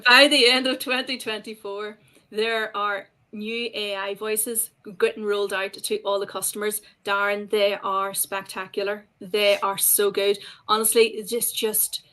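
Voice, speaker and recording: A woman talks through a webinar in an enthusiastic, chatty way. Her voice sits at a middle pitch. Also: level tone, unhurried, bright, forceful tone. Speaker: education guest speaker. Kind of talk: casual webinar discussion.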